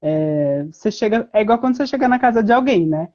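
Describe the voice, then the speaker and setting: A woman guest in a casual interview, explaining things in a relaxed way with many fillers over a video call. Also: mid-range voice, fast. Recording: slightly muffled audio.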